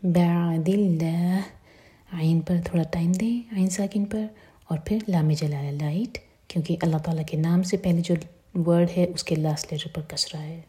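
A woman teaching a Quran recitation lesson. She whispers her explanations, recites verses slowly and drawn out, and breaks words down letter by letter. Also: lowish voice, fairly even intonation, mellow. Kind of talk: tajweed lesson.

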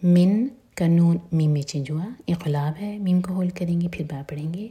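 A woman teaching a Quran recitation lesson. She whispers her explanations, recites verses slowly and drawn out, and breaks words down letter by letter. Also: fairly low pitch, warm tone. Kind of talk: tajweed lesson.

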